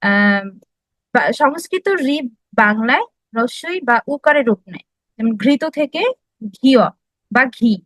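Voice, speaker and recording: High-voiced woman lecturing a class. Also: animated, measured pace, long pauses, fairly bright tone, dry recording, low-quality recording. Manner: explanatory, frequent filler sounds and restarts, asks the audience questions. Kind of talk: classroom lecture on language history.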